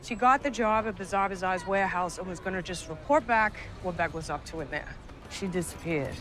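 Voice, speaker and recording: A woman's voice: lowish voice, fairly quick, a bit bright, slight background noise, lightly acted. A woman playing a blunt, sardonic federal agent. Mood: businesslike. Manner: direct, sardonic. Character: blunt, tough female federal drug agent. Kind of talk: naturalistic TV drama acting.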